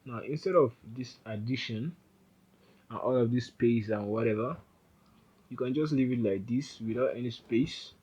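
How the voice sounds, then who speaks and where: This informal coding walkthrough features a man who rambles and often corrects himself mid-typing while recording his screen. His medium-pitched voice is darkish with a breathy edge, and he speaks at a normal speed. Highs are cut off in the audio.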